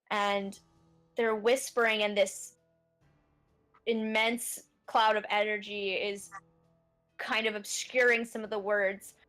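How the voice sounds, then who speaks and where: A woman's voice: medium pitch, fairly bright tone, low-quality recording. A woman narrating a tabletop game as game master, describing scenes with frequent fillers. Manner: unhurried, descriptive, many fillers.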